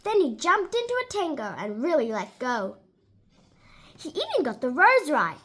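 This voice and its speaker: This is a high-voiced woman performing a children's storybook for young ears, her reading careful and full of expression.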